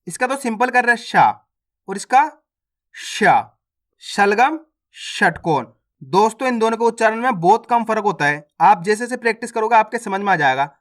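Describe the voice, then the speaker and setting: A man's voice: high-pitched, a bit bright. A man teaching the Hindi alphabet online, drilling each syllable and asking the viewer how to pronounce it.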